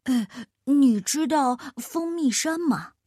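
A woman voicing a big hungry bear in a storybook read-aloud, with a drawn-out, moaning delivery. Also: high voice, expressive, dark tone, dry recording, clean studio sound.

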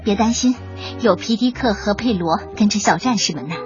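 A woman voicing a calm, firm mother hen who reassures the others and gives orders. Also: medium pitch, brisk, natural voice. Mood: soothing. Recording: dull lo-fi with faint music.

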